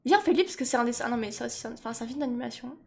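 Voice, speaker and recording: A young woman in casual chat, talking in slangy, quick bursts and often laughing. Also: a little high, lively intonation, creaky, darkish tone. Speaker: co-host.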